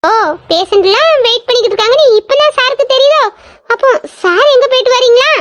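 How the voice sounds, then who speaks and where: A woman's voice: extremely high pitch, a little fast, highs cut off. A woman voicing an anxious young woman doctor. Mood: reproachful. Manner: pleading, anxious. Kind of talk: audio drama acting.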